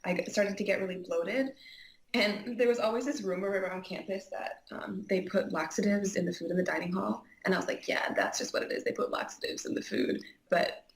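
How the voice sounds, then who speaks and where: A woman's voice: medium pitch, a little fast, vocal fry, reverberant, slight background noise, low-quality recording. A young woman from Iceland, an interview guest telling her personal story candidly, chatty and full of "like" and "um". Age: young adult. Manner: chatty, heavy use of "like" and "um", frank.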